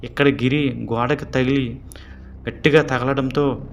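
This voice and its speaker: A man's voice: mid-range voice, steady tone, a little slow. Man narrating a horror story.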